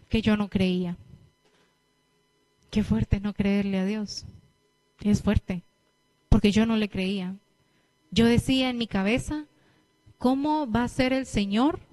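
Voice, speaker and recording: A young woman preacher with a Latin American Spanish accent, giving a lively sermon and acting out what people say. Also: on the high side. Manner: lively storytelling, acting out quotes.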